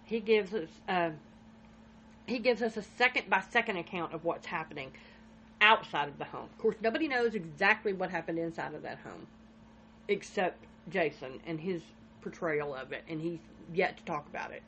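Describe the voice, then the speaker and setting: A woman's voice: lowish voice, moderate pace, fairly bright tone, a little hiss or hum, low-quality recording. A woman hosting a true crime podcast, telling the story casually and acting out the quotes of the people in it. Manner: retells events with acted-out quotes.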